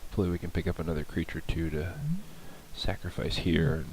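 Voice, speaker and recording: A man's voice: rumbling low, little pitch movement, quick pace, a little mellow, slight background noise, low-quality recording. A man with a nasal voice from a cold, casually commentating his card game and thinking aloud with many hesitations.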